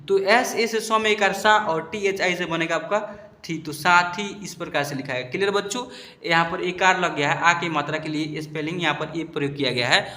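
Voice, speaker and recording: A man teaching students to read English spellings, spelling each word out slowly and asking if they understood. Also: high voice, pushed and bright. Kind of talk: explaining a lesson to students. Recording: echoey room.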